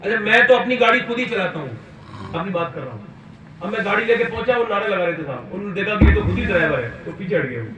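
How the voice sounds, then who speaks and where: A man preaching a sermon, shifting between quiet storytelling and loud impassioned shouting, and sometimes scolding his listeners. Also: high-pitched, expressive, muffled recording. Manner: swings from soft storytelling to shouted climaxes; scolds the audience directly. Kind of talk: impassioned religious speech. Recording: echoey hall, voice from far off, faint ambience.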